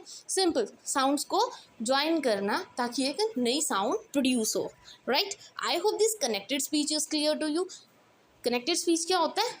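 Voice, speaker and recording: A high-voiced woman teacher runs through exam definitions at a brisk clip. She switches between Hindi and English and keeps checking that her students are following. A faint background hiss sits under her voice. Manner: brisk, mixes Hindi and English, frequent "ठीक है" check-ins. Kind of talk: exam revision lesson.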